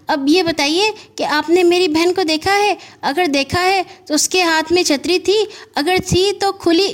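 An excitable little boy from a storybook, as a woman puts him on, firing question after question in a breathless rush. His voice sits very high. He sounds hurried and eager.

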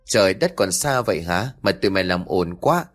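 A man's voice: low-pitched, sing-song, a little fast, soft background music. A man voicing a grumpy, groggy middle-aged male passenger woken from sleep. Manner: gruff, sleepy.

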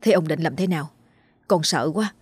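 A woman voicing a scared young boy in a storybook horror tale, calling out in a high, anxious voice. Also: moderate pace, darkish tone, breathy edge. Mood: frightened.

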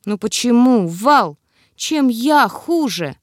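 A woman's voice: on the high side, lively intonation, takes it slowly, no echo, clean studio sound. A woman voicing a cheerful, caring young male friend in an audiobook, teasing and then pleading.

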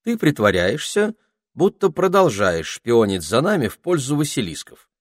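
Male reader doing a sharp, clever girl, brisk and firm. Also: medium pitch, very animated, no room sound, clean studio sound, pitched above the performer's own voice. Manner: firm, reproachful.

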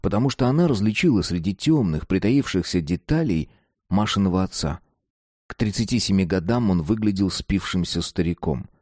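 A man reading a dark story aloud, slow and deliberate. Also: sits low, lively intonation, no room sound, studio quality. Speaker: narrator. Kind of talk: scripted narration of a dark story.

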